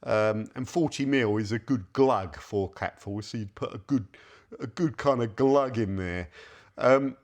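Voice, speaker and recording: A man's voice: mid-range voice, measured pace, a little mellow. A man giving a casual car-care product review, reading labels aloud with wry asides.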